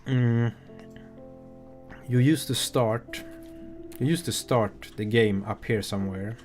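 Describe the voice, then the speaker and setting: A man, a game developer, giving relaxed, halting commentary on his own game with an amused tone. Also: mid-range voice, soft background music.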